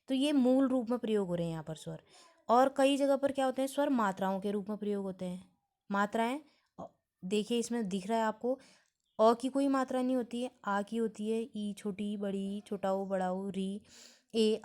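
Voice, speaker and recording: A woman's voice: mid-range voice, darkish tone. A woman teaching a grammar lesson step by step, often checking that her students are following.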